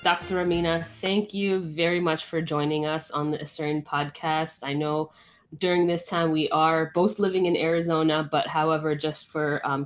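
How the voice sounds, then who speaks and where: A woman with a notably low voice hosts a podcast. She reads her introduction in a smooth, formal way, then talks more loosely as she asks questions. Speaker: podcast host. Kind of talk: scripted intro then interview.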